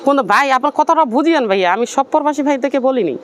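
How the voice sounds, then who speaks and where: This Bangladeshi-accented woman, telling her life story in an interview, talks fast in a high, animated voice. Her personal appeal comes across as pleading and insistent.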